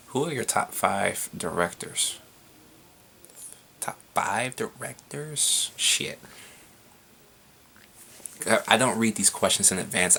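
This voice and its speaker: A young man rambles through viewer questions in a casual home vlog. His voice sits low with a gravelly edge but a bright, forward tone, and he swears freely. A faint hiss hangs behind the camera mic. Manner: rambling, frequent swearing, laughs. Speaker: vlogger answering viewer questions.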